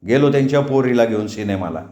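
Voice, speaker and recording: A man's voice: mid-range voice, expressive, quick pace, mellow, close to an everyday voice. A man voicing a proud, defiant young village man who speaks with intensity, in a roomy recording. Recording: roomy echo.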